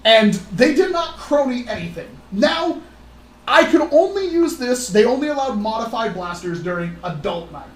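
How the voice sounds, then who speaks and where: A woman telling stories on a casual livestream in an animated, rambling way, acting out other people's voices. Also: fairly high pitch, moderate pace. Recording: roomy echo.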